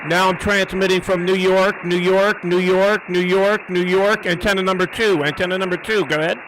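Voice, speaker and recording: A man's voice: high-pitched, steady tone, normal speed, noisy background. A man working as an amateur radio operator, making live contacts and antenna tests, repeating words and call signs methodically.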